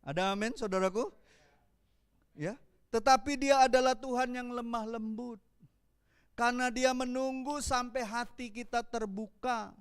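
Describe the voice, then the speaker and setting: A man with a Palembang accent preaching a sermon as pastor, animated and calling out to the congregation. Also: very high voice, measured pace, long pauses, clear, resonant tone.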